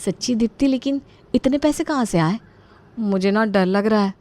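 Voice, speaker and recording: A woman's voice: medium pitch, normal speed, warm tone, natural voice. A woman voicing a timid, worried young daughter-in-law.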